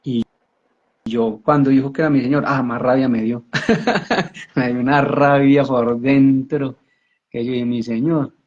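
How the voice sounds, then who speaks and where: A man telling his personal conversion testimony in a halting way, often restarting and repeating his words. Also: medium pitch, level tone, a little mellow. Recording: dull lo-fi audio.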